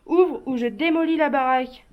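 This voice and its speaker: Brief: a woman as a cold, insistent young male fugitive, high voice, slightly dull stage recording. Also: normal speed, close to an everyday voice. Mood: demanding. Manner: insistent, commanding then coaxing. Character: young male escaped killer, stubborn and cold. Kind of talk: stage play reading.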